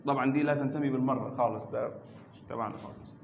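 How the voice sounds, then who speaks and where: A man's voice: mid-range voice, fairly even intonation, rapid-fire, vocal fry, a little hiss or hum. Egyptian male teacher in echoey classroom. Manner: quizzes students by name, repeats questions, patient. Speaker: math teacher. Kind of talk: classroom math lesson. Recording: echoey, dull lo-fi classroom recording.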